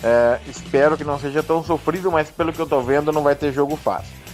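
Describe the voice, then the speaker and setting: Brazilian guy chatting sports on radio, slightly high voice, music behind. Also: steady tone, fast. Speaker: radio show panelist. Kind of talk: casual radio sports chat.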